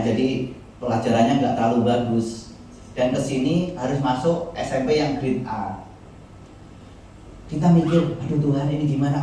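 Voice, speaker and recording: A man preaching a sermon to his church, with animated delivery that leaps up in pitch when he quotes people. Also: a little hiss or hum. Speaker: pastor. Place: large church hall. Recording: very echoey hall from far off.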